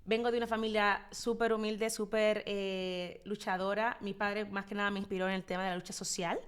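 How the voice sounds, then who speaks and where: A Dominican woman in her thirties, a psychologist guest telling her life story in an interview, expressive and reflective, pausing often as she thinks. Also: medium pitch, clear, resonant tone. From Dominican Republic. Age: 30s. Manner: expressive, reflective, with frequent hesitations.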